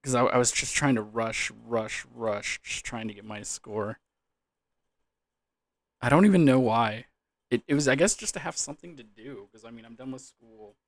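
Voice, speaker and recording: A young man talks in a mid-pitched voice, recorded dry. He rambles drunkenly in casual gamer chat, doubling back on words and letting sentences trail off. His language is slangy, with casual swearing. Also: moderate pace, no echo. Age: young adult. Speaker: gaming vlogger.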